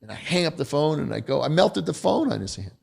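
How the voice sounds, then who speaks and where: A man's voice: a little high, sing-song, quick pace, vocal fry. A middle-aged man, a podcast guest, telling stories from his career in a blunt, emphatic, self-deprecating way. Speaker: podcast guest, retired federal agent. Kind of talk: candid conversational storytelling.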